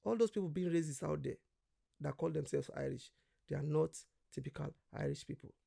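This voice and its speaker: A man's voice: fairly high pitch, fairly quick, creaky, warm tone. A man from Nigeria, a guest in casual conversation, telling stories animatedly, acting out quoted voices and swearing freely.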